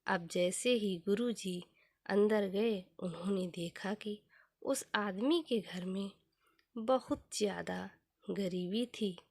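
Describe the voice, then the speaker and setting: A woman narrating a scripted motivational story as a storyteller, in measured, deliberate short phrases. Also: mid-range voice, darkish tone, dry recording, clean studio sound.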